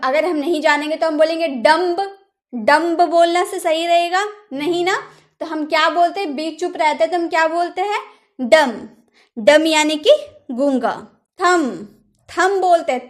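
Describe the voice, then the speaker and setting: A woman teaching English pronunciation, repeating each word slowly and quizzing the viewers with questions. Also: very high voice, a bit bright. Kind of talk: pronunciation lesson.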